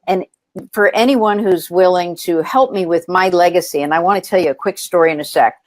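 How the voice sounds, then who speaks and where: A woman who founded a nonprofit speaks in an interview, her lowish voice a little fast, with no echo. She tells stories earnestly, with frequent ums and restarts.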